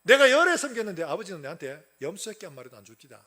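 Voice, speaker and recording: This is a bitter grown son who feels cheated and shouts at his father with no respect, voiced by a male preacher. The voice pushes up high and hard and stays blunt and self-righteous throughout. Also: very animated, very fast, exaggerated voice. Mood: indignant.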